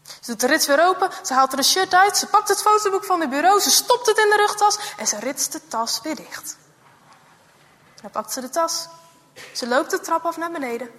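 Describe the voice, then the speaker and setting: A woman's voice: extremely high pitch, expressive, normal speed, fairly bright tone, big-room sound. A woman reading a children's story aloud with dramatic expression, sometimes dropping to a whisper.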